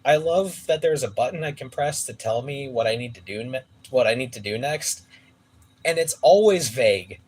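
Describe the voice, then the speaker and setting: A man's voice: medium pitch, expressive, normal speed, darkish tone, a little hiss or hum. A man streaming a game and chatting casually, rambling with lots of fillers and restarts, on a phone mic set some way off. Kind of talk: casual live-stream chat. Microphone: phone mic some distance away.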